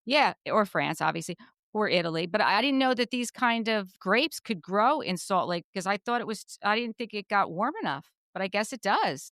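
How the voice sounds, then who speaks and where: A woman's voice: medium pitch, lively intonation, moderate pace, fairly bright tone, no room sound, clean studio sound. A woman hosting a podcast, chatting casually and retelling reality TV scenes. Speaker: podcast host. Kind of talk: casual recap chat.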